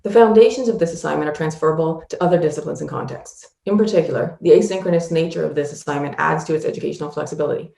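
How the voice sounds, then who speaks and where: Brisk, creaky-voiced woman in a roomy space. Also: low-pitched, mellow, a little hiss or hum. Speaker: presenter. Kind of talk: scripted presentation narration.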